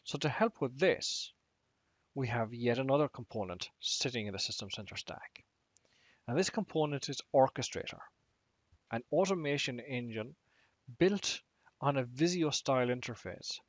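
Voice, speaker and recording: A man giving a technical training lecture on IT management, speaking in a measured way and slowing down to stress key words. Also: medium pitch, lively intonation, no echo.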